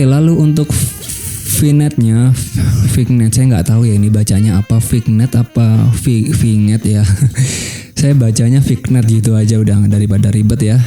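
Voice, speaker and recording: A young man talking through a photo editing tutorial in a relaxed way, thinking aloud with many fillers. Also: on the low side. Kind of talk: casual screen-recorded tutorial.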